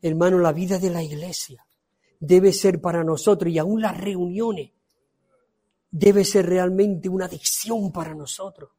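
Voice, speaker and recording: Fervent high-voiced preacher man. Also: fairly even intonation, a little slow, slightly rough. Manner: fervent, swings from loud emphasis to soft pleading. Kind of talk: sermon with Bible reading.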